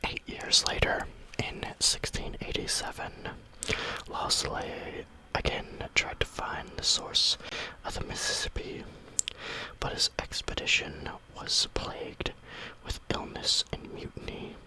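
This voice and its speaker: A man narrates scary stories in a breathy ASMR whisper with no voice behind it. The delivery is very slow and deliberate, and the whisper has a bright, crisp edge. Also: poor audio. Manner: slow, deliberate read-aloud phrasing.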